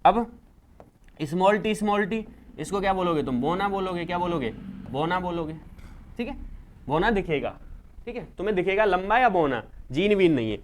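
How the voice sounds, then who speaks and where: A man with a Rajasthani Hindi accent teaching a class, lively and repetitive, asking students questions and answering them himself. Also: high-pitched, moderate pace, long pauses, slight background noise. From India. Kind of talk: classroom lecture.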